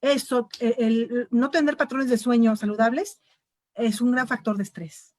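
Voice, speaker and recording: A woman with a high, bright-toned voice chats as a parent guest on a discussion panel. She talks animatedly. The sound is close and dry, with no room echo. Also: normal speed. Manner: animated, acts out quoted parent and child voices. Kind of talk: casual panel chat.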